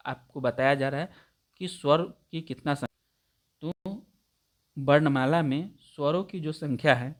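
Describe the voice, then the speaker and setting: A man with a slightly high, gravelly voice gives an exam-prep grammar lesson. He explains each point step by step and repeats definitions to check that students understand.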